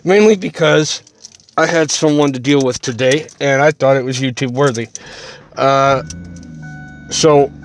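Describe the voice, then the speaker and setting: A man's voice: medium pitch, unhurried, soft background music. A man venting in a casual vlog from inside a parked car, rambling and often repeating words mid-sentence, talking around a cigarette in his mouth. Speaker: YouTuber.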